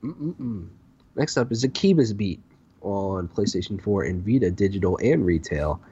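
A man's voice: on the low side, lively intonation, moderate pace, dark tone, breathy edge, highs cut off. A man co-hosting a casual gaming podcast, reading out game lists with stumbles and laughs. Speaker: podcast co-host.

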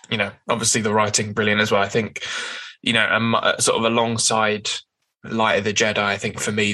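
Bright-toned man chatting. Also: lowish voice, rough recording. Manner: chatty, with many fillers and hedges. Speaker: podcast co-host. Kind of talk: casual discussion of comics.

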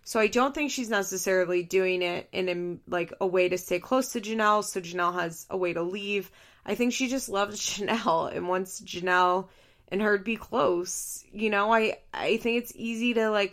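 A woman talks through a casual podcast recap in a Valley Girl accent. Her voice sits at a middling pitch with a strong, gravelly vocal fry. She peppers her speech with "like" and swears with amused candor. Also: moderate pace, a bit bright. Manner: chatty, frequent "like" fillers, swearing, amused. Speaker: podcast host. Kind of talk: casual reality-TV recap monologue.

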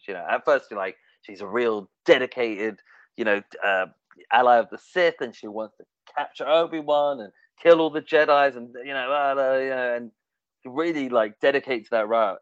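A man's voice: medium pitch, a bit bright, dry recording. A man talking casually in a discussion, hesitant, with many fillers and restarts. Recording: dull, dry, lo-fi sound.

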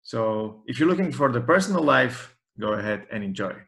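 A man's voice: mid-range voice, expressive, brisk, vocal fry, fairly bright tone. A man hosting an interview, explaining topics and asking questions in an earnest way. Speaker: podcast host. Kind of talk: interview hosting and intro monologue.

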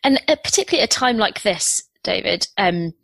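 A woman's voice: mid-range voice, animated, fairly quick, creaky, fairly bright tone, no echo. A woman hosting a podcast interview, asking supportive questions in a conversational way. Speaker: podcast host.

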